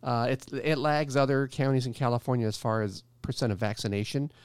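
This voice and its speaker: Smooth-voiced man, chatty update. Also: mid-range voice, steady tone, a little fast, no echo. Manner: upbeat, joking, explanatory with restarts. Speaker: co-host giving local health updates. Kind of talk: casual chat.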